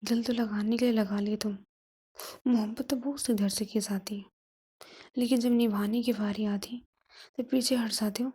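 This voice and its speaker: A woman voicing a jealous, sharp-tongued young female student, scolding in a whisper as whispered role-play. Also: fairly high pitch, fairly even intonation, moderate pace, pauses often, slightly rough. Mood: demanding.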